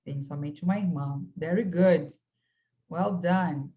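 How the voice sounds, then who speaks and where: Patient woman teaching slowly, lo-fi call. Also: deep voice. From Brazil. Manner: patient, encouraging, models English words slowly. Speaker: English teacher. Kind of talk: online class, mixing Portuguese and English. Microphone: video call.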